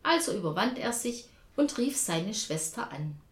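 A woman narrating a story in an animated, dramatic reading style. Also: mid-range voice, measured pace. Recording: roomy echo.

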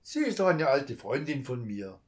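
A man's voice: medium pitch, very animated, normal speed, lightly acted. A man voicing a kindly old male burglar in a storybook reading, grumbling and reassuring.

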